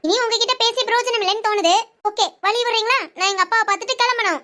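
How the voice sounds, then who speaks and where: A performer doing a very high, curt young bride. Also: fast talker. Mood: defiant. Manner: sharp, curt retorts. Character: young bride, bitter and defiant.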